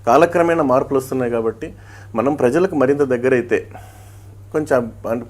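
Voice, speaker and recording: A man's voice: medium pitch, fairly quick, darkish tone. A middle-aged man with an Andhra Pradesh Telugu accent speaks as an interview guest, a police head constable who also does mimicry. He tells his points as stories, slips in proverbs and rhymes, and shifts his voice often to act them out.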